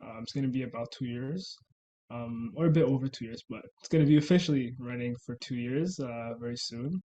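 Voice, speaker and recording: A young man from Rwanda talks casually as a guest in an interview. He pauses often with ums and uhs and laughs lightly between thoughts, at an ordinary middle pitch. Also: mellow, low-quality recording. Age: young adult.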